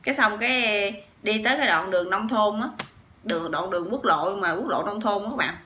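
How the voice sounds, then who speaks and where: A woman with a Southern Vietnamese accent tells a long personal story to her channel. Her voice is bright and forward, and she talks in a chatty, animated way, piling up fillers and turning to her viewers again and again. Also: mid-range voice, a little fast, slight background noise. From Sóc Trăng, southern Vietnam. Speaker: vlogger.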